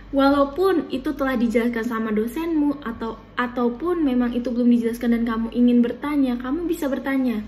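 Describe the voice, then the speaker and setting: A young woman from Indonesia with a high voice talks viewers through advice in a loose, chatty way, leaning on filler words. Her tone is informal, like a student sharing tips. A faint hiss of noise sits under her voice. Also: a little mellow. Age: young adult. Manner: casual, chatty, many filler "nah"s. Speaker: university student.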